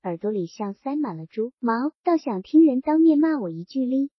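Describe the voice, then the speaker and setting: A woman voicing a drunken, domineering middle-aged male landlord who talks in a gruff, mocking, bossy way, in a storybook reading. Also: high voice, big pitch swings, moderate pace, no echo, highs cut off, full character voice.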